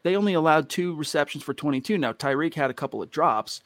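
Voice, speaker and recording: Talking fast with lively intonation, an American man hosts a sports livestream, mixing casual talk and commentary. He speaks emphatically and keeps throwing out rhetorical questions. The voice sits a little high with a fairly bright tone and no echo.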